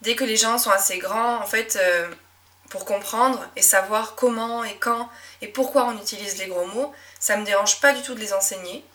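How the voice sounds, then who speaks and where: A young woman from southwest France with a Médoc accent, a French teacher talking reflectively in a casual monologue, with frequent fillers and soft laughs. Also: medium pitch, normal speed, distant mic. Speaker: French teacher and podcast host.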